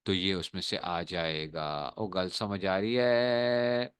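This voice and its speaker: A male teacher giving a classroom lesson, often checking whether students have understood and drawing out example words slowly. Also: low voice, a bit bright, smooth, no echo.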